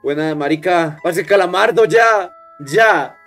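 A young man with a Colombian accent, commenting on a horror game he plays, jumping at scares, swearing and hushing himself. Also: a little high, moderate pace, soft background music. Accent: Colombian Spanish. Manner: jumpy, yelps and swears at scares, hushes himself. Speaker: gaming streamer.

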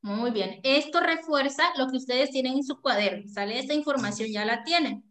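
A woman's voice: high voice, normal speed, a bit bright, echoey room. A woman teacher giving an online class, affectionate, often checking in with the pupils. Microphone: video call.

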